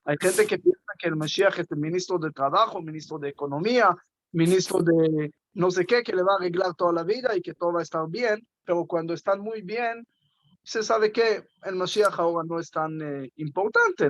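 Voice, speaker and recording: A man, a rabbi, giving a spoken teaching talk in a measured way, pausing often and asking rhetorical questions. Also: high voice, dry recording, lo-fi sound.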